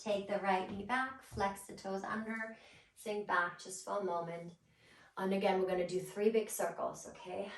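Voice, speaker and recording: A woman guiding a yoga class as instructor, with a gentle, nurturing and encouraging manner. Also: medium pitch. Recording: roomy echo, distant microphone.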